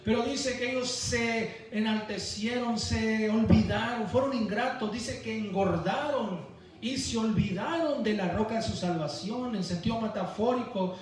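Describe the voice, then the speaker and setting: High-voiced preacher in an echoey church hall. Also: male voice, a little slow, far from the mic. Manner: emphatic preaching, calls for amens. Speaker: pastor. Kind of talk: Sunday school sermon.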